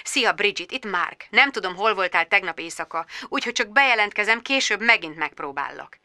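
Quiet reserved man, as a woman reads him. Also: high voice, lively intonation, no echo, clean studio sound, full character voice. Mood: subdued. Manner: quiet, subdued. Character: reserved adult man leaving a phone message.

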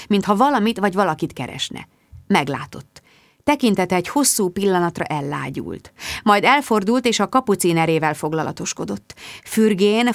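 A woman narrates a first-person story with lively expression. Her voice sits low. The recording is dry, with no room sound. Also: vocal fry, dry recording. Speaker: audiobook reader.

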